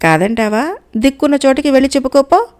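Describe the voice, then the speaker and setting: A woman's voice: sits high, sing-song, fast talker, a little mellow. A woman voicing a stubborn, cocky rabbit, in a defiant, taunting manner. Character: stubborn cocky rabbit squatting in a tree hollow.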